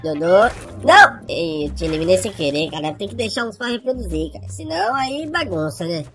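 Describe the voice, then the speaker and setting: A woman's voice: on the low side, animated, brisk, soft background music. A woman role-playing a mother creature in a let's-play, talking casually and teasing her husband.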